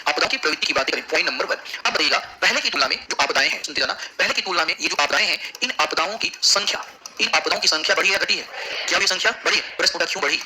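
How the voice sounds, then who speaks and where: Male geography teacher, rapid-fire call-and-response lecturing, high bright voice, faint room noise. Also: lively intonation, rough recording. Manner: drills students with repeated questions. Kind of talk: classroom lecture. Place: classroom.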